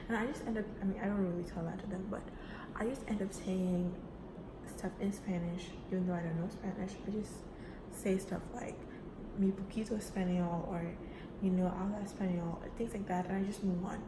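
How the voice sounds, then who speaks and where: In an echoey room with background noise, a student introduces herself in a class speech. The young woman is casual and chatty, dropping fillers such as "right?" and "you know" often, and her mid-range voice is steady and brisk.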